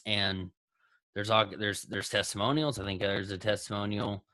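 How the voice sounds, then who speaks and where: Texan male entrepreneur guest, low-ish voice, dry close sound, rambling, upbeat. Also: level tone, moderate pace, sharp tone, no echo, poor audio. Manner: rambling, enthusiastic, lots of restarts. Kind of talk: casual interview over video call.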